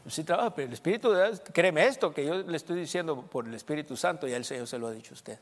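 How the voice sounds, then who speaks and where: A man preaching a sermon as pastor, emphatic, swinging between loud and soft and checking in with the congregation. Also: fairly high pitch, lively intonation, rapid-fire. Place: church. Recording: long church reverb.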